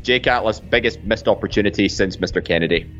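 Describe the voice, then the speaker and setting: A man's voice: lowish voice, fast talker, highs cut off, soft background music. A man speaking casually as a panelist on a podcast. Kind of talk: casual wrestling chat.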